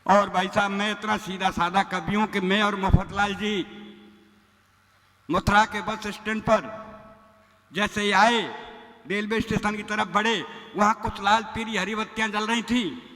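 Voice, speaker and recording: A man's voice: high-pitched, level tone, measured pace, pushed and bright, long reverb tail. A man telling comic stories on stage at a poetry gathering, putting on voices for the people in his tales. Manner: storytelling with quoted voices, rustic dialect. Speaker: comic poet. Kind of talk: stage comedy poetry recitation.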